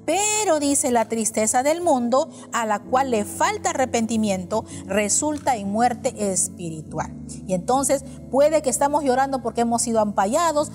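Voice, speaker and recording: Woman preacher, high voice, earnest and questioning; church hall reverb under her. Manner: earnest, rhetorical questions to the congregation. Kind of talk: sermon.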